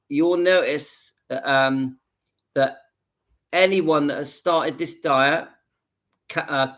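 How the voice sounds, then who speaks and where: A channel host in his fifties vlogs casually from home, speaking straight to the camera. His voice sits a little high with a fairly bright tone, and he earnestly rallies his viewers, repeating points for emphasis.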